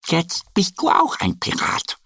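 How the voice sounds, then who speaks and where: A man doing a squeaky little duck girl. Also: wildly swooping pitch, a little slow, gravelly, pushed and bright, slightly rough, no room sound, clean studio sound, heavily acted. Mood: eager. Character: excited little female duck pirate girl.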